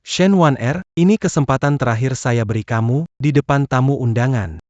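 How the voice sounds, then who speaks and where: A man's voice: mid-range voice, normal speed, a little mellow, no room sound, close to an everyday voice. Casting: male actor for cold, stern wealthy groom, restrained fury, melodrama dub, dry and slightly dull recording. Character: wealthy groom coldly rejecting his vengeful ex. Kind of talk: dubbed melodrama acting.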